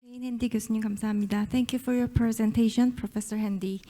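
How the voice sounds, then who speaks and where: Very fast woman moderator, mellow voice. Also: a little high, steady tone. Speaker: bilingual seminar moderator or interpreter. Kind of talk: formal event announcing.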